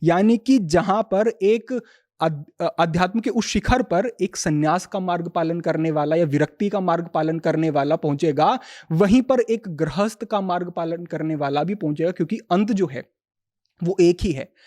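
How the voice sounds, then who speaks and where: A man speaking as a yoga teacher on a podcast, calmly explaining spiritual ideas and quoting Sanskrit verses. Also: high voice, normal speed.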